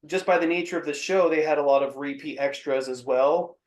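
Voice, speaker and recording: A man hosting a podcast, relaxed and quick to react with laughs and agreement. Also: fairly high pitch. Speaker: podcast host. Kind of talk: casual chat. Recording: echoey room.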